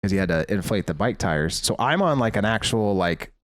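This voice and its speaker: Dude, lowish voice, dry sound, telling stories with lots of cussing. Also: male voice, brisk, no echo. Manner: animated retelling, swears freely. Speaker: podcast co-host. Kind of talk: casual chat, storytelling.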